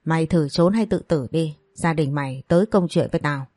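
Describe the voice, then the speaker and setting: A woman's voice: deep voice, a little fast, mellow, no room sound. A woman voicing a cruel older brothel owner who talks in a mocking, threatening way. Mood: menacing.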